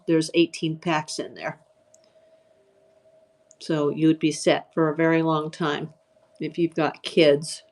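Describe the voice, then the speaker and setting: With a low voice that's gone tired and slightly hoarse from hours on air, a woman hosts a live online auction stream. She keeps the live-selling chat casual, greeting viewers by name and listing items for sale.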